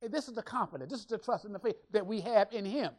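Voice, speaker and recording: A woman's voice: medium pitch, fast, a little mellow. Woman preacher, emphatic, repetitive, call-and-response sermon.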